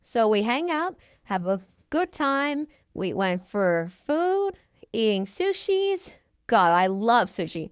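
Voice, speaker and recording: A woman's voice: fairly high pitch, sing-song, takes it slowly, no room sound, clean studio sound. A young adult woman telling a personal story in a casual vlog, in simple, repetitive phrasing that often starts with "so".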